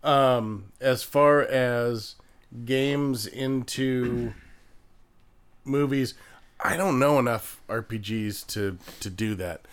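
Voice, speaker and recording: A man's voice: mid-range voice, drawn-out words, clear, resonant tone. A man co-hosting a podcast, reading listener questions and chatting in a laid-back way with dry short replies. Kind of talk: casual chat.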